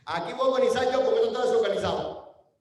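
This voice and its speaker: A man's voice: very high voice, animated, fast talker. A man with a Mexican accent preaching a sermon as pastor, chatty and often asking the congregation questions. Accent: Mexican Spanish. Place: church sanctuary. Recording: very echoey hall from far off.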